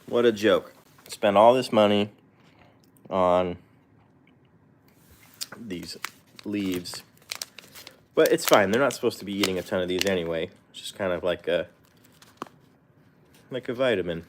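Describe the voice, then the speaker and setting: A man's voice: sits low, measured pace, long pauses, slight background noise. A man casually chatting on a livestream while feeding his guinea pigs, rambling and correcting himself with small chuckles. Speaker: pet vlogger.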